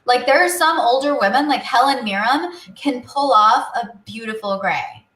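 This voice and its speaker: A woman's voice: a little high, normal speed, fairly bright tone. A woman co-hosting a show in casual chat, talking informally and peppering her sentences with "like". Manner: informal, chatty, frequent "like". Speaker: show co-host. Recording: roomy echo.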